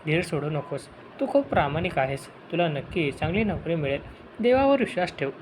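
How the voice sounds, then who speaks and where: A man voicing a gentle, long-suffering middle-aged aunt who speaks softly and pleadingly in an audio story. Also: fairly high pitch, very animated, fairly quick, background noise. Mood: tender. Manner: soft, pleading and tender.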